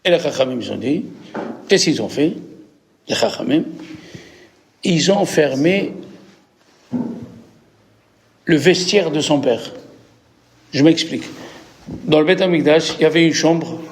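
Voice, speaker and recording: A man leading a religious lesson as a rabbi. His voice sits fairly high and stays animated as he quizzes the people in front of him. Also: measured pace, long pauses. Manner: animated, asks the audience questions. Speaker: rabbi teaching a class.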